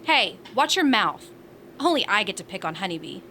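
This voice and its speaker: Playfully blunt, a woman voicing a feisty space station resident in a sci-fi audio drama trades sassy, teasing banter. Her bright, punchy voice is medium-pitched and sing-song at normal speed. Faint background ambience and slight hiss or hum can be heard.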